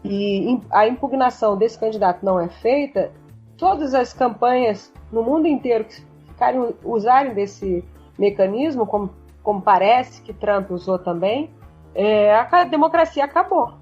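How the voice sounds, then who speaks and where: A woman's voice: on the high side, lively intonation, moderate pace, a little mellow, husky. A woman professor answering interview questions on a podcast, thoughtful and hesitant, often restarting her sentences. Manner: hesitant, many restarts and fillers. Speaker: philosophy professor, guest. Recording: dull, lo-fi audio with faint music.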